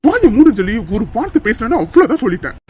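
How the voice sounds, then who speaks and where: A performer voicing a cartoon young man who protects a young woman and sternly scolds her with rapid questions. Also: mid-range voice, heavy background noise, lightly acted. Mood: scolding.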